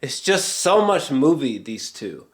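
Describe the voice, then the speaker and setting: This man's voice sits on the high side, and he takes an unhurried pace through his film review. He's an excited fan who rambles casually, swears freely, and often hesitates and repeats himself for emphasis.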